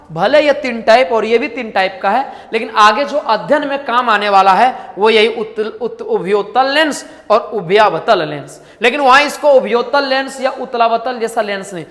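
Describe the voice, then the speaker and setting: A man's voice: extremely high pitch, fairly bright tone, big-room sound. A man teaching a lesson, who asks rhetorical questions, answers them himself and repeats phrases. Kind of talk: classroom-style lecture.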